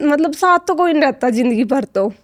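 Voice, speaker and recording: A woman's voice: sits high, animated, fairly quick, no echo. A young woman, a fashion design student, telling her story in a podcast interview, hesitant and full of fillers, her voice choked up as if near tears. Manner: hesitant, many fillers and restarts.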